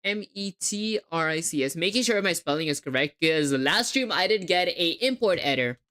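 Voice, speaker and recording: A woman's voice: lowish voice, expressive, normal speed, fairly bright tone. A young woman with a hard-to-place hybrid accent, live coding and thinking aloud, spelling words letter by letter and chatting with viewers. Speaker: livestreaming coder.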